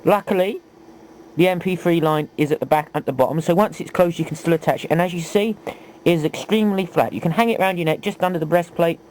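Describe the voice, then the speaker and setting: Speaking quickly in a slightly mellow, highish voice, a hobbyist video presenter walks through an informal hands-on demonstration, often asking rhetorical questions. The rough homemade recording has faint background noise.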